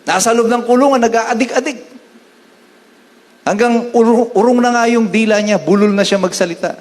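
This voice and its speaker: A Filipino pastor delivers a sermon, mixing Tagalog and English and easing into slow, deliberate scripture readings. His voice sits high for a man. The room behind him adds a long, lingering reverb. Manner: switches between Tagalog and English, quotes scripture slowly.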